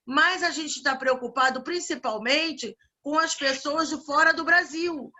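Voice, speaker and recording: Over a video call, a high-pitched woman speaks a little slowly and casually at an online spiritual gathering. She's an event organizer and evangelizer whose talk is full of restarts and warm religious goodbyes.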